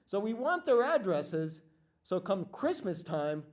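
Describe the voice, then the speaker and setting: A man's voice: sits high, very animated, measured pace. Fiery, repetitive man presenting a workshop. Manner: fiery, rhetorical, repeats lines for emphasis. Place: meeting room with tables, before a live audience.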